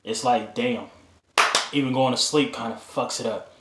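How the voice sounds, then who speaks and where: A man's voice: medium pitch, steady tone, normal speed, heavy background noise. A man telling a personal story to his own camera, emotional and candid, repeating himself and using casual slang. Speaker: vlogger. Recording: roomy echo.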